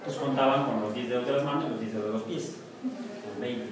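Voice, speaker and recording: A man's voice: mid-range voice, a little fast, distant mic, a crowd in the background. Mexican man lecturing in an echoey classroom. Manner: jokey, asks the class questions. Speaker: university math professor. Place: university classroom.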